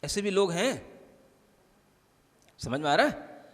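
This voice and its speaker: A man's voice: sits high, sing-song, takes it slowly. A man, a monk, giving a conversational sermon and often checking that listeners follow. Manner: conversational preaching, keeps asking "समझ आ रहा है?". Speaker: Jain monk. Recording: long hall reverb.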